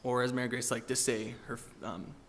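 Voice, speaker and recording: A man's voice: mid-range voice, fairly even intonation, a little fast, slight background noise. Man giving a eulogy in a church hall. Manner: warm storytelling with hesitant fillers and laughs. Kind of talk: memorial eulogy. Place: church sanctuary.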